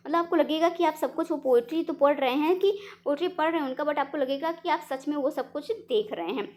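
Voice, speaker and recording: A young Indian woman teaching an exam-prep lesson, explaining patiently in mixed Hindi and English, asking rhetorical questions and reading English definitions slowly. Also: sits high, darkish tone.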